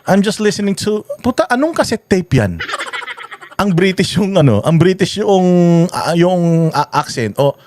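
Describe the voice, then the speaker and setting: A man's voice: sits high, a little slow, slight background noise. Swearing, mocking man in his forties. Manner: mocking, heavy swearing, animated ranting. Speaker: reaction vlogger. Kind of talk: profane casual commentary.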